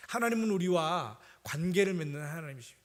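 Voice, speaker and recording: A man's voice: fairly high pitch, lively intonation, fairly quick. A male pastor giving a conversational sermon, telling a story with many fillers. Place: church sanctuary. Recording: reverberant church hall.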